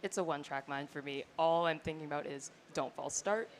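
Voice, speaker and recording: A hoarse teenage girl talking casually about sprinting as a guest, with lots of "like". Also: low-pitched, fairly quick. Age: teens. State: hoarse from lost voice. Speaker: guest athlete.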